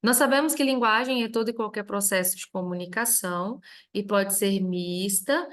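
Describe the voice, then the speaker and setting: A woman teacher with a Brazilian Portuguese accent, reviewing a grammar lesson in a clear, step-by-step way and stressing each example word. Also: mid-range voice, moderate pace, fairly bright tone.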